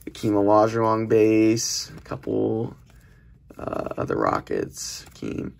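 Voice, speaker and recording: A young man hosts a trading card unboxing channel, giving chatty, informal commentary from a desk in a small indoor room. His voice is fairly low, slow, sing-song, creaky and a little mellow. The room is noisy, with clicks and the crumpling and crinkling of packaging as he handles it.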